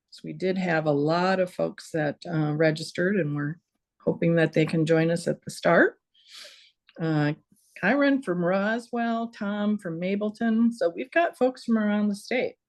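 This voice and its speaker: A woman's voice: on the low side, vocal fry, darkish tone. A woman hosting an online town hall over a video call, chatty, with many fillers and restarts. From not from Georgia.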